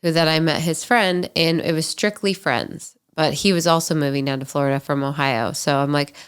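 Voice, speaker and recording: A woman in her twenties hosts a podcast, telling stories solo in a candid, chatty style full of ums and likes. Her deep voice is fairly even in intonation and normal in speed, with a clean tone, though allergies leave her a bit nasal and stuffy.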